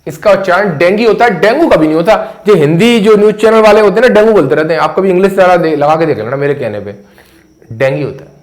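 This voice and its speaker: A man's voice: high-pitched, animated, fast talker, few pauses. Chatty man teaching English. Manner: chatty, jokey, repeats key words to drill them. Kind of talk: casual classroom lesson at a board.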